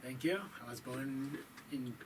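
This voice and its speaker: A man's voice: mid-range voice, steady tone, measured pace, far from the mic, background noise. Cheerful Zimbabwean-born male musician. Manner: cheerful, laughs easily. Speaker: musician guest. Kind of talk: radio interview.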